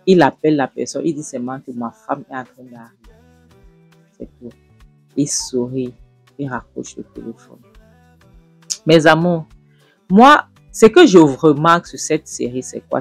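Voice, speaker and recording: Guy recapping a drama series, lively storytelling, dry close sound, faint music behind. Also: on the high side, measured pace, creaky, long pauses, slightly rough, dry recording. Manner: animated storytelling, speaking straight to viewers. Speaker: series reviewer. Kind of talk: retelling and commenting on a drama series.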